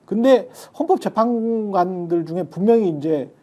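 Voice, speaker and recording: A man's voice: high voice, expressive, moderate pace, mellow, lo-fi sound. A man on a political talk show, giving his views emphatically and drifting into blunt casual speech.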